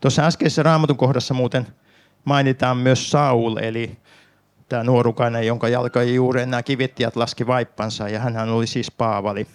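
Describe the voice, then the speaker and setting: A man preaching a sermon, calmly explaining a Bible passage and speaking directly to his listeners. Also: medium pitch.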